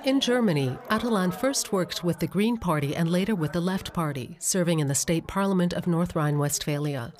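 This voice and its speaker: A documentary narrator reading a calm, even, scripted narration. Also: mid-range voice, brisk, few pauses. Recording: narration over music and crowd noise.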